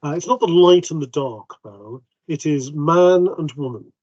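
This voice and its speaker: A man's voice: a little high, moderate pace, darkish tone, dry recording. A man narrating as game master, chatty and full of hesitations. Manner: chatty, hesitant with ums, plays the vicar in quotes. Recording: dull, dry home mic.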